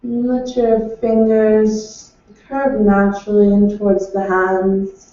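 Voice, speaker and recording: A woman leading a guided meditation, speaking in slow, soothing, unhurried instructions from far off in an echoing room. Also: mid-range voice, completely flat delivery, warm tone. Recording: distant, echoey and dull.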